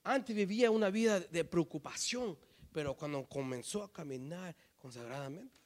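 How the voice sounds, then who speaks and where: A man delivers a sermon in a fairly high voice. He swings from loud, fervent exhortation to hushed, almost whispered lines, and now and then drops into English phrases. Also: animated, normal speed. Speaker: pastor.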